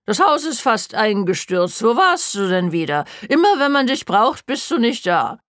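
A woman's voice: on the high side, very animated, a bit bright, no echo, studio quality, pitched above the performer's own voice. Woman doing a nagging older mother. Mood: scolding. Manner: reproachful, drawn-out nagging. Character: scolding older mother, fussy and alarmist. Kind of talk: audiobook character voice.

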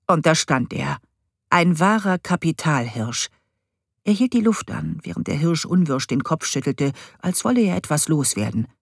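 A woman's voice: on the low side, a little mellow, slightly rough, no echo, studio quality. Woman reading a story expressively.

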